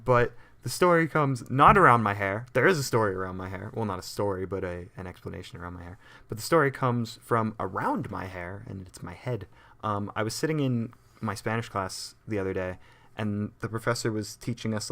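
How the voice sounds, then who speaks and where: A young man with a lowish voice co-hosts a casual podcast. He tells stories about his classes in a joking, self-mocking way, often laughing through his own lines. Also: fairly bright tone. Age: young adult. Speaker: podcast co-host. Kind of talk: casual chat.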